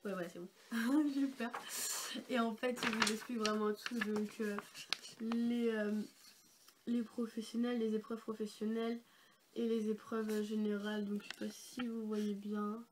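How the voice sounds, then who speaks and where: A woman's voice: on the high side, little pitch movement, a little slow, darkish tone. A young woman vlogger with a congested, sick-sounding voice, explaining things in a casual, chatty, rambling way. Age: young adult. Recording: noisy amateur home-video sound.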